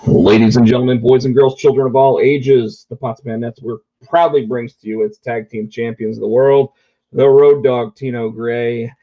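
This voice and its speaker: A man's voice: mid-range voice, fairly even intonation, moderate pace, muffled recording, soft background music. A man introducing a show in a grand, theatrical ringmaster style, as a podcast host would. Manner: grand, theatrical announcer delivery.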